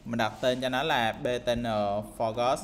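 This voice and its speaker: A man's voice: mid-range voice, steady tone, moderate pace. Casual man teaching coding. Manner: casual, thinking aloud with many fillers and tag questions. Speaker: programming instructor. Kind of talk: screen-recorded coding tutorial.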